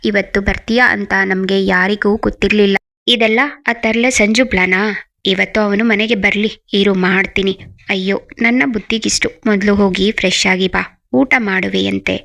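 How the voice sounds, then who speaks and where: A woman's voice: medium pitch, steady tone, normal speed, vocal fry. A woman voicing an affectionate, motherly young sister-in-law in a storybook narration. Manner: warm-hearted, motherly. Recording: dull lo-fi recording.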